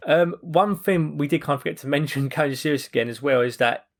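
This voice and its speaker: A man's voice: fairly high pitch, fairly quick. British man in casual podcast chat. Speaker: podcast co-host. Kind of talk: casual chat about sports recovery.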